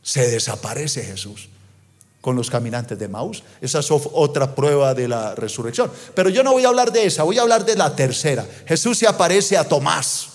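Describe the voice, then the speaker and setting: A high-voiced man preaches with animated swings between loud declarations and hushed asides. His voice rings through the long reverb of a church auditorium. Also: brisk, hardly any pauses. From Colombia. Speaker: pastor. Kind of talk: sermon.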